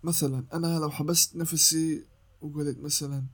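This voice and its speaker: A young man talks through voice-over training like a patient teacher. His voice sits a little high with a slightly husky edge. He explains casually and circles back to repeat his points. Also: level tone, fairly quick. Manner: explanatory, repeats himself, sings scale notes. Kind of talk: casual tutorial.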